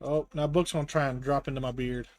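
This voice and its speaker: A man's voice: mid-range voice, steady tone, fast, no echo, clean studio sound. A man with a Southern US accent, chatting casually and self-deprecatingly while building a brick set on a live stream. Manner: rambling, self-deprecating, wry.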